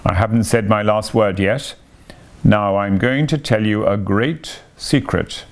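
Man as a stern old badger, dry and low. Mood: reassuring. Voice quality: thin, dry. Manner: slow, severe, commanding. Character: stern, wise, fatherly old male badger. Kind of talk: animal storybook character voice.

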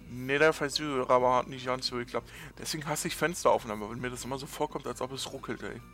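A man's voice: mid-range voice, fairly even intonation, quick pace, fairly bright tone. Gamer guy muttering and swearing at the game, medium voice, faint music behind. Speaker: let's player. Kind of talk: casual gameplay commentary.

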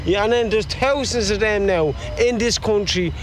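A man's voice: sits high, moderate pace. A man in his thirties from Ireland with a Dublin accent, talking bluntly and swearing freely in casual street talk. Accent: Dublin Irish. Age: 30s. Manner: blunt, swears often, emphatic. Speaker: street interviewer. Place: city street at night, outdoors. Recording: noisy outdoor street recording.

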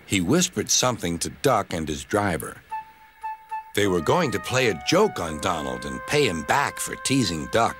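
A man narrating a children's train story in a gentle, expressive storytelling manner. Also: low voice, normal speed. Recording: narration over music.

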